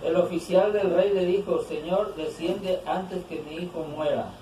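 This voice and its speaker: A congregation member reading Bible verses aloud during a sermon. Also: male voice, high voice, measured pace, mellow. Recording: roomy and distant, with noise.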